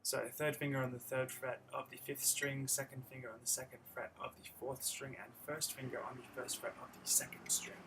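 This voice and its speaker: Talking briskly with hardly any pauses, a young man walks viewers of his live stream through guitar chords, friendly and rambling, restarting often. His level, mid-range voice comes over background noise, with guitar playing behind it.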